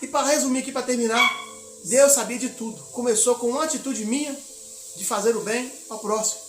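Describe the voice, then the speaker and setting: A man's voice: extremely high pitch, a little fast, echoey room, a little hiss or hum. A man from Minas Gerais, a missionary preacher, telling a testimony in a sermon, acting out the dialogue of his story and exhorting the congregation. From Minas Gerais, Brazil.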